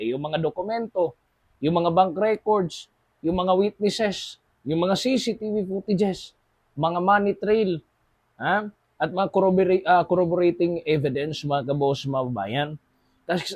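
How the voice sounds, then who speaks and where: A man's voice: a little high, a little mellow, no room sound. A man with a Filipino accent giving casual news commentary as a show host, constantly addressing his audience and using many fillers.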